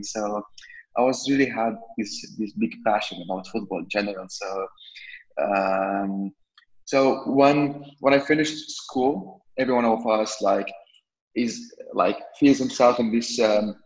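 A man's voice: medium pitch, low-quality recording. A man in his twenties from Lebanon, a podcast guest answering questions casually, rambling with many restarts and fillers. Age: 20s.

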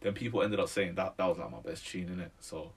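A deep, gravelly, husky voice belongs to a fast-talking man in his twenties with a London roadman accent. He chats casually as an interviewed musician, speaking street slang and tagging sentences with "innit" and "bro."

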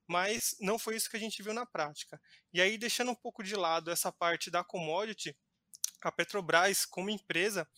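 A man's voice: high-pitched, pushed and bright, no echo. A man giving live market commentary as an investment analyst, explaining with frequent fillers and restarts.

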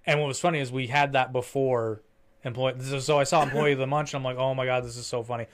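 A man's voice: medium pitch, steady tone, quick pace. A man co-hosting a podcast, chatting casually and rambling into profane stories. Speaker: podcast co-host. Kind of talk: casual chat.

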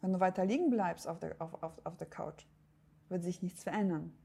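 A woman's voice: on the low side, fairly quick, vocal fry, dark tone, husky. A woman hosting a self-help podcast, speaking directly to the listener in a coaching tone with frequent hesitations. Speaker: podcast host. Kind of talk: motivational self-help talk.

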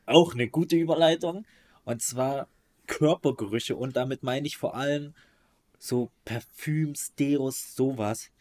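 A man in a relaxed podcast chat, ranting with emphasis and street slang, stumbling and restarting as he goes. His voice sits at an ordinary middle pitch for a man. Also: takes it slowly. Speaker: podcast co-host. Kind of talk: casual chat.

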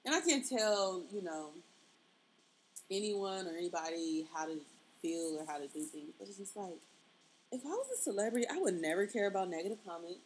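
A woman's voice: medium pitch, expressive, brisk, a little hiss or hum, rough recording. A woman hosting a podcast in a casual, chatty style. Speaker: podcast host. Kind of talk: casual chat.

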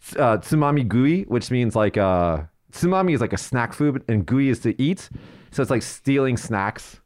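A man's voice: mid-range voice, animated, normal speed, darkish tone. A hungover man co-hosting a casual talk show, telling stories in a rambling, jokey way and searching for his words. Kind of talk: casual chat, storytelling.

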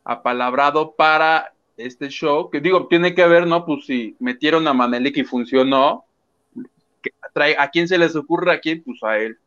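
A man's voice: a little high, measured pace, a bit bright. A Mexican man co-hosting a casual celebrity gossip chat in a playful, sweary way. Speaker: co-host. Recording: dull lo-fi sound.

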